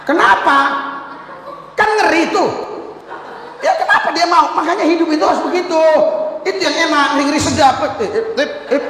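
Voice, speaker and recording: High-voiced preacher in an echoey hall. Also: male voice, moderate pace, long pauses. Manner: animated storytelling with acted quotes and laughter. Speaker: pastor. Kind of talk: sermon. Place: church hall with a live congregation. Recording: echoey hall, faint background noise.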